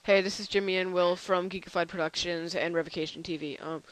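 A tired young man hosting a casual software demo, rambling and halting with lots of fillers. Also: high voice, fairly even intonation, no room sound, rough recording. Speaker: channel host.

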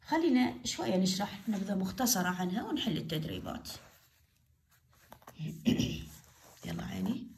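An Iraqi woman teaches a primary-school grammar lesson, saying each example word slowly and more than once. She asks questions and answers them herself. Now and then her voice drifts away from the mic as she turns to write on the board. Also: medium pitch, very animated, a little mellow, a little hiss or hum. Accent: Iraqi Arabic. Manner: slow, repeats each example word for dictation.

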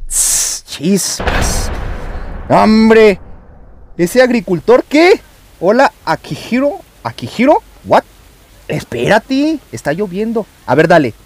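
A very high-voiced Mexican man narrates his gameplay with wild, leaping intonation. He taunts his foes and yells at the screen, with a faint hiss underneath. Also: very animated, takes it slowly. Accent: Mexican Spanish. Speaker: gaming YouTuber. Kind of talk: excited gameplay commentary.

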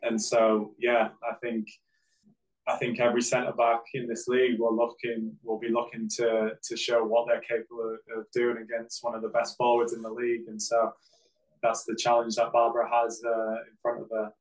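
A man, a football coach answering press questions after a game on a video call, measured and full of fillers. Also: mid-range voice, low-quality recording. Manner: measured, flat delivery with many fillers. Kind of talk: post-game press conference. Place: press backdrop, indoors.

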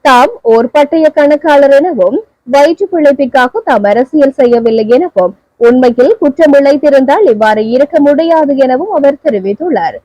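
A woman with a Sri Lankan Tamil accent reading the evening news in a steady, measured, formal delivery. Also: sits high, no echo, highs cut off. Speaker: newsreader.

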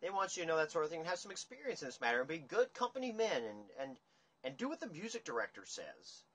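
Man, livestream chat, profane rambling rants, forceful husky voice, slightly high. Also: very animated, quick pace. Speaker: livestream host. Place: dim room indoors. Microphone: phone camera at table.

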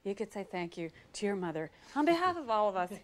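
A woman's voice: medium pitch, very animated, fast talker. A woman guest singer on a children's TV show, chatting playfully and leading a comic sing-along. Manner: chatty, playful, sings with comic character voices. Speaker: guest singer and banjo player. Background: banjo and band music.

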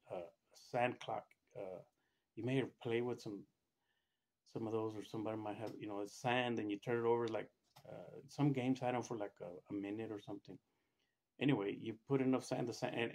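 A man telling a personal story in casual speech, rambling and halting, with many restarts and fillers. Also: on the low side. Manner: acts out other people's quoted lines in a raised voice. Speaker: storyteller recounting a personal experience.

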